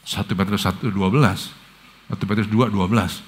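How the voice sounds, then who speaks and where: A middle-aged pastor with a Jakarta accent, preaching a casual youth sermon in slangy storytelling, dropping to low murmurs and jumping to high excited bursts. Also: male voice, normal speed.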